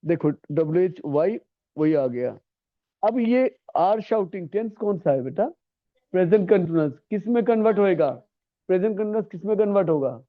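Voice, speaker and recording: A man's voice: sits high, expressive, moderate pace. A male grammar teacher, coaxing a classroom of students and repeating his points patiently. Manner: coaxing, repetitive, calls students "beta". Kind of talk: classroom lesson. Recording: tinny phone-like classroom recording.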